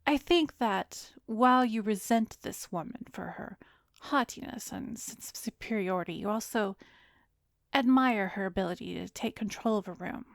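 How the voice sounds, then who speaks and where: An actress voices a composed female therapist, secretly an arrogant vampire, in an ASMR roleplay aimed at the listener. Her natural mid-range voice is soft and measured, gentle yet probing and insinuating, frequently sliding into a breathy whisper. The close studio mic sound is very dry, with no echo.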